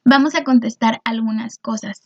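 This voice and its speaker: A woman's voice: a little high, steady tone, normal speed, highs cut off. A woman teacher, patiently explaining a lesson and often checking in with her students. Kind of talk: recorded class explanation.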